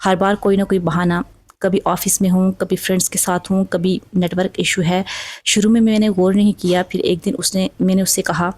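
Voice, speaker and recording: A woman's voice: mid-range voice, flat delivery, darkish tone. A woman telling an emotional first-person story in a dramatic, sorrowful way. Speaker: narrator.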